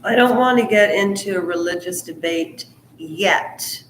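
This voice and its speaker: A woman with a lowish voice reads a book aloud for her channel, breaking off often into wandering remarks of her own. Her delivery is slow and deliberate, captured in a low-quality, roomy recording with a faint hiss or hum.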